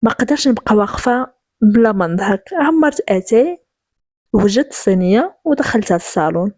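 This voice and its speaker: A Moroccan woman telling a first-person story, lively and quick to slip into the characters' voices. Her voice sits at a middle pitch. The recording is dry and close to the mic. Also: dry recording.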